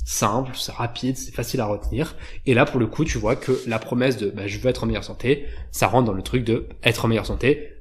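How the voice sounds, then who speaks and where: A man's voice: medium pitch, a little mellow. A man explaining advertising and copywriting in a casual, informal way, with frequent fillers and self-corrections. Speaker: YouTube marketing educator.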